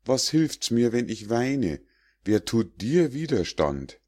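A man's voice: medium pitch, very animated, slow, a little mellow, pitched above the performer's own voice. A man voicing a tiny, frightened male dwarf who pleads in a raised, desperate voice. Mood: pleading.

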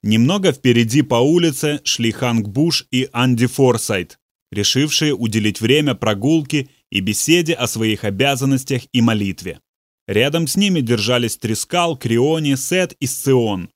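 Steady male audiobook narrator. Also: mid-range voice, no echo, studio quality. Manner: measured, steady storytelling. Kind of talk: audiobook reading.

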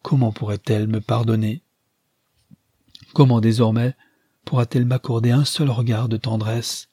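A man's voice: mid-range voice, flat delivery, moderate pace, warm tone, husky, no room sound, clean studio sound, lightly acted. A man voicing a guilt-ridden, anguished dying woman in an audiobook reading. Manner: anguished, questioning.

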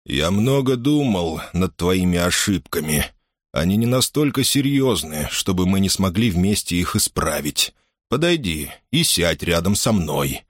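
A man's voice: low voice, very animated, measured pace, dry recording, clean studio sound, heavily acted. A man voicing a drunk, portly older bishop in an audiobook, coaxing and blustering. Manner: coaxing and oily, then blustering. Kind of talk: audiobook character reading.

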